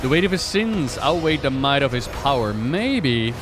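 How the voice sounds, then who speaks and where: A man's voice: mid-range voice, very animated, normal speed. A man giving casual livestream game commentary, rambling and musing aloud in a playful way. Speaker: game streamer and lore commentator. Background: game music and effects.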